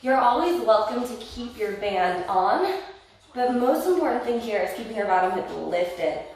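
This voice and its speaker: A woman's voice: a little high, very animated, normal speed, a little mellow, a little hiss or hum. Encouraging, winded woman instructor in an echoey room. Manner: encouraging cues and counting reps. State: winded from exercising. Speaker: Pilates instructor. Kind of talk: workout instruction. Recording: roomy echo, distant mic, faint music.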